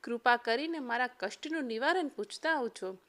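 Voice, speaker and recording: A woman's voice: on the high side, expressive, moderate pace, fairly bright tone. A woman voicing a weeping male crocodile who begs for relief from burning pain. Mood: anguished. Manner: anguished plea.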